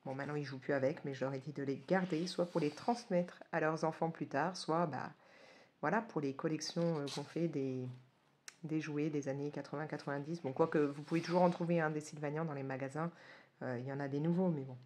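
A woman's voice: sits low, steady tone, a little fast, a little mellow, slight background noise. A woman from France in her forties, chatting casually and gushing as she flips through coloring books, with lots of hesitations. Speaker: coloring book reviewer. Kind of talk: casual book flip-through commentary.

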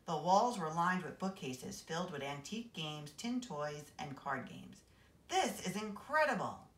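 Brief: school administrator reading aloud, low lively voice, echoey room. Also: female voice, a little slow. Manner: expressive, animated reading. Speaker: assistant principal reading aloud. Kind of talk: reading a children's novel aloud. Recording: roomy echo.

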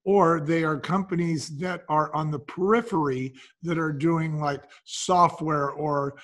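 A podcast interview features an older business advisor who lays out his ideas point by point, chatting casually and adding colloquial side remarks. He speaks a little slowly in a slightly high, a bit bright voice with fairly even intonation.

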